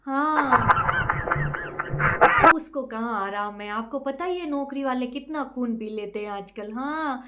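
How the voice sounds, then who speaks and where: A woman's voice: high-pitched, unhurried, very noisy. A woman playing a gossipy, boastful middle-aged mother who nags and lectures in a comic family sketch. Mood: chatty. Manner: nagging, lecturing, rhetorical 'है ना?' tags.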